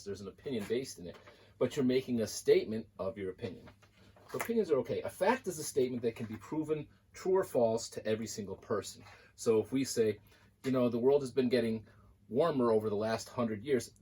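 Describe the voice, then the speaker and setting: A man with a fairly low voice gives a classroom lecture, talking through examples on a board. He explains in an easy, conversational way, and faint noise sits under the recording. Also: a little mellow, rough recording. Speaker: college math instructor.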